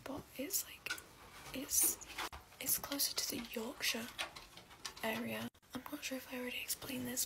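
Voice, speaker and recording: A woman's voice: high-pitched, creaky, low-quality recording. A woman whispering casually so she will not wake someone, hesitant and full of ums. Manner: hushed, hesitant, many ums.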